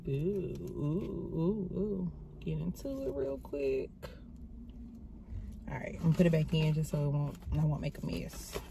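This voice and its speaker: A woman's voice: deep voice, sing-song, moderate pace, gravelly, pauses often, background noise. A woman chatting casually to her viewers as a vlogger, calling them y'all while talking into her phone camera in a car. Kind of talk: casual vlog chat.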